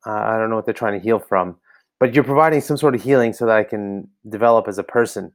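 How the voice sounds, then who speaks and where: Speaking quickly in a fairly low voice, an American man offers loose, hesitant feedback on a coaching website. Lots of ums and restarts mark his thinking aloud, and he's seen on a laptop camera inside a room.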